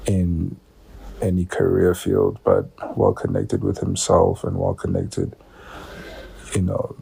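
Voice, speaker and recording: A young man offers a halting, earnest tribute, pausing often between phrases. His voice sits very low, with a heavy gravelly fry. It has a breathy, husky edge and an unhurried pace. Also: warm tone, low-quality recording. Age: young adult. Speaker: son paying tribute. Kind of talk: spoken tribute.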